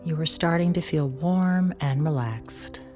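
A woman guiding a sleep relaxation like a sleep story narrator, giving soothing, unhurried instructions with gentle pauses. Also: low voice, soft background music.

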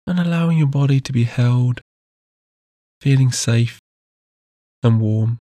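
Very slow, soothing male sleep guide. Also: medium pitch, mellow, no room sound.

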